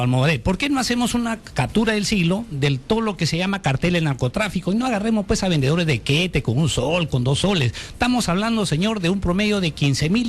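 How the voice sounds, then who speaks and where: A man speaking earnestly as a radio commentator, building his points toward outrage. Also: high voice.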